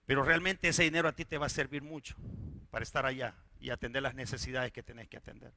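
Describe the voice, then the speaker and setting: A man preaching a sermon to his church, telling stories and rising into fervent, shouted preaching. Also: medium pitch, flat delivery, quick pace, no room sound. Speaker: pastor.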